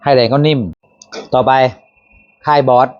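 A relaxed man chats casually while he shows off his tools, correcting himself and filling pauses as he goes. His voice sits at an ordinary middle pitch. The sound is a little dull and lo-fi. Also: smooth. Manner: relaxed, chatty, with fillers and self-corrections. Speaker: handyman channel host. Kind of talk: casual demo talk. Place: workshop or garden.

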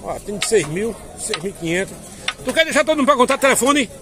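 At an outdoor cattle fair, a man with a high, very animated voice and fast delivery vlogs on his phone mic, walking around to ask sellers their prices. Upbeat and chatty, he praises the cows while the crowd buzzes around him.

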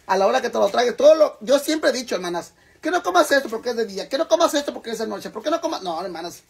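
Very high-pitched and sing-song, this man rattles along at a very fast clip with vocal fry, hosting a rowdy cooking live stream in a Mexican Spanish accent. He swears freely and addresses viewers as "hermanas." A little hiss or hum sits under the audio.

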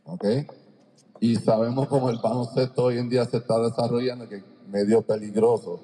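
Speaking briskly in a mellow, mid-range voice with little pitch movement, a Cleveland, Ohio basketball coach gives a seminar lecture in a large indoor arena. He uses a handheld microphone through a PA. A far camera picks him up amid the gym's long echo.

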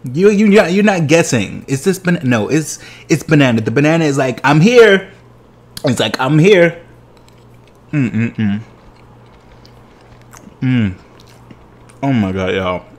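A food vlogger in his thirties tastes desserts in his living room at home, speaking slowly in a sing-song, medium-pitched voice and pausing often. He chats away, savoring each bite with exuberant delight.

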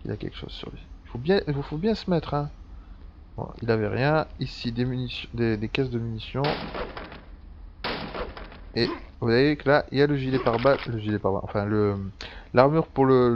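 A man's voice: medium pitch, moderate pace, a little hiss or hum. A man giving casual gameplay commentary, chatting and swearing as he thinks aloud. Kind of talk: casual let's-play commentary. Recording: dull lo-fi sound with faint background ambience.

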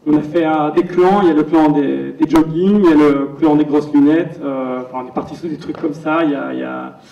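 Man, film director, chatty and self-mocking, gravelly voice, echoey hall, distant. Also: on the high side, fairly even intonation, fairly quick, muffled recording. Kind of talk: casual talk at a premiere Q&A.

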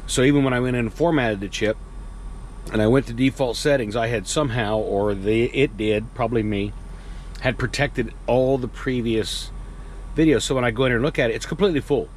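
A man in his fifties chats casually to a camera mounted in his truck cab, wandering from one thought to the next with plenty of ums and uhs. His voice sits at an ordinary middle pitch. A faint hum of vehicle noise runs underneath. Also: a little fast. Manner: rambling, conversational, many fillers. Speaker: truck driver vlogger. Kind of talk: casual vlog monologue. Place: truck cab at night, earlier outdoors at a loading yard.

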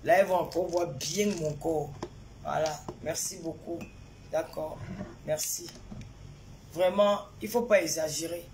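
A woman's voice: deep voice, fairly even intonation, measured pace, long pauses, background noise. A woman from Cameroon, talking on a phone live stream to her followers, greeting viewers by name and firing off indignant rhetorical questions. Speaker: social media personality.

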